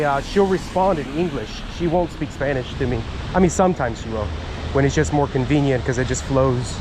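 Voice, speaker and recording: A chatty man from Miami, USA, films himself on a handheld phone during a first amendment audit, talking casually to the camera and to officials. His high-ish voice is halting, full of fillers and restarts, over a noisy background as he moves from outdoors into a public building lobby.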